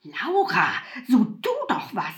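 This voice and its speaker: A woman's voice: very animated, takes it slowly, full character voice. A woman voicing a mischievous, thrill-seeking inner voice that taunts and eggs on in an audiobook. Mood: taunting. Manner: shrill, loud, taunting. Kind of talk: audiobook reading.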